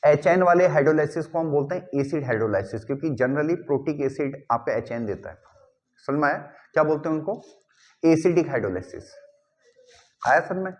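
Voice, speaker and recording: Guy teaching chemistry, slightly high voice, keeps asking "got it?" over and over. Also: animated. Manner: keeps checking understanding with quick repeated questions; mixes English phrases into the teaching. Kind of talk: classroom lecture.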